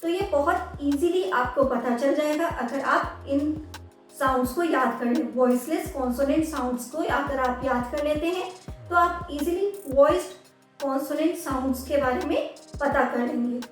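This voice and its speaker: Lady english teacher, slow, spells words out n repeats them, super echoey room, a bit far from the mic. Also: high voice. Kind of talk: slow explanatory lesson. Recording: echoey room with faint music, voice set back from the mic.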